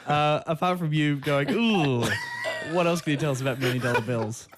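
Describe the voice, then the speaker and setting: A man's voice: on the high side, quick pace, background noise. A male radio host, joking and chatting as he interviews a guest in the studio. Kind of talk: radio show hosting. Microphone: studio microphone.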